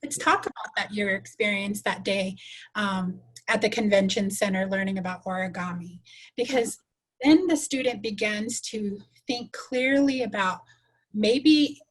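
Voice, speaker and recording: Teacher lady walking through her thinking, calm mid voice. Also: mid-range voice, measured pace. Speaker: teacher guest. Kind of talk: interview discussion.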